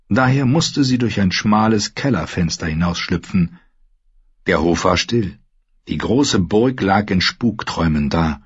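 A man narrating a story in a calm, measured storytelling manner. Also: low-pitched, husky, no room sound. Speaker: audiobook narrator. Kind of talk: scripted narration. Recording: dull lo-fi recording.

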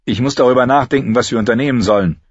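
A man's voice: mid-range voice, normal speed, slightly rough, no room sound, lo-fi sound, voice pushed up, natural voice. A man voicing a brooding young smith who gives curt, stern orders. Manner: curt, commanding.

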